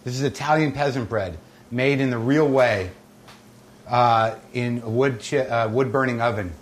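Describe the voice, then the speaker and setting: A man's voice: mid-range voice, moderate pace, slight background noise. A middle-aged American man hosting a casual comedy cooking show, chatting through steps and anecdotes in a wry, blunt, profane, conversational way.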